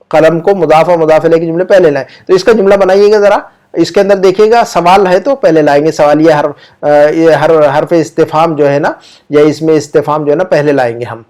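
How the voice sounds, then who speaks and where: Speaking with an Urdu-speaking accent, a man teaches grammar online, explaining patiently and going back over example sentences slowly while questioning his students. The pitch is a little high and the tone a little mellow.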